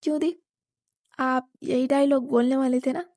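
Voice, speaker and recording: A woman's voice: high-pitched, fairly even intonation, normal speed, darkish tone, no echo, clean studio sound. A woman voicing a playful younger sister who teases her elder sister. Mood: teasing. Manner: teasing.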